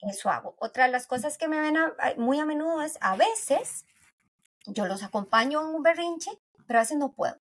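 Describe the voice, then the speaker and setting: A woman with a Costa Rican accent speaks as a guest on a podcast. Her voice sits a little high, and she explains things with everyday anecdotes, closing many sentences with a questioning tag. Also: animated, normal speed. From Costa Rica. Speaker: pediatric neuropsychologist guest.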